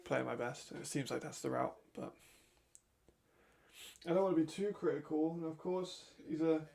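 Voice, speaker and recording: A man's voice: fairly high pitch, normal speed, creaky, mellow. A man giving casual, chatty live commentary while watching a football game, laughing often and trailing off mid-thought.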